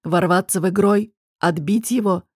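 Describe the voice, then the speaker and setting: A woman playing a stern young male mage who speaks in curt, firm commands. The voice sits a little lower and stays calm, with a warm, slightly breathy tone in a dry audiobook reading. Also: normal speed, no room sound, natural voice.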